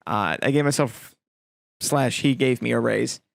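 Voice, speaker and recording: A man's voice: medium pitch, measured pace, vocal fry, dry recording, clean studio sound. A man co-hosting a podcast, chatting casually and telling stories with acted-out quotes and lots of fillers. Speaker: podcast co-host. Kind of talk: casual chat.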